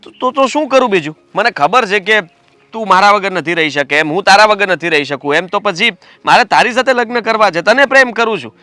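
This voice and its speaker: A man's voice: high voice, animated, fairly quick, pushed and bright, no room sound. An actor playing a nervous young man who is afraid of his elder brother and speaks in a hesitant, pleading way to his girlfriend. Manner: hesitant, pleading, then rambling. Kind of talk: film dialogue.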